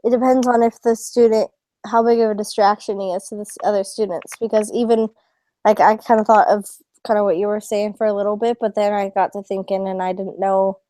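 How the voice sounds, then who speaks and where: Mellow-voiced young woman student, rambling. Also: mid-range voice, fairly even intonation, a little fast, dry recording. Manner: rambling, many "like" fillers. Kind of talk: casual group discussion.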